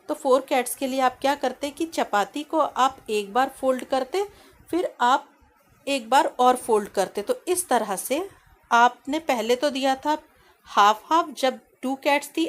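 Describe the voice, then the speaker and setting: A woman teacher explaining a primary school maths lesson to children. She asks the class questions and answers them herself, and she reads English lines from the book slowly. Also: high voice.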